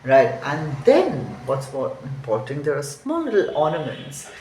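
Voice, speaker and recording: A man's voice: on the high side, wildly swooping pitch, unhurried, a little mellow, slight background noise. A man teaching a song, explaining each phrase, thinking aloud and correcting himself. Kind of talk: music lesson walkthrough. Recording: roomy echo.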